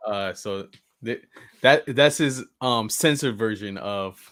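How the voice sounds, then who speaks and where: A man co-hosting a casual sports podcast, speaking haltingly with frequent restarts and loose grammar. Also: fairly low pitch, a bit bright. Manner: halting, restarts phrases, non-standard grammar.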